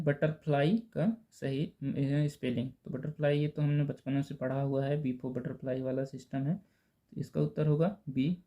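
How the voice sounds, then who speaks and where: Gravelly-voiced male teacher, lo-fi sound. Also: a little high, mellow. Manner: spells words out letter by letter slowly; speaks directly to the viewers as "friends". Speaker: teacher going over exam answers. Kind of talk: casual Hindi lesson explaining answers. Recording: dull lo-fi recording.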